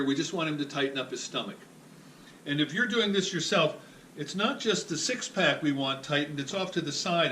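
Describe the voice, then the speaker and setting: A man's voice: a little high, a bit bright, a little hiss or hum. A man working as a physical therapist, guiding someone through exercises in a plain-spoken, upbeat, joking manner. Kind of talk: exercise demonstration. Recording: echoey room, voice from a distance.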